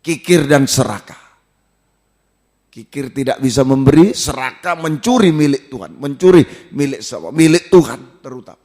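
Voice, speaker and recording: A man from Indonesia, preaching a sermon as pastor and asking the congregation questions, swinging from loud exclamations to low asides. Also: expressive, normal speed.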